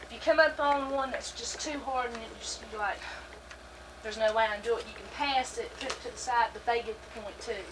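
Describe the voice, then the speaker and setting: A woman's voice: fairly high pitch, fairly quick, far from the mic. A woman on an old hissy VHS tape. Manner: patient, explaining step by step. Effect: old VHS home video recording. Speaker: game player explaining the rules. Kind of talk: casual family party game. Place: home living room at a holiday gathering.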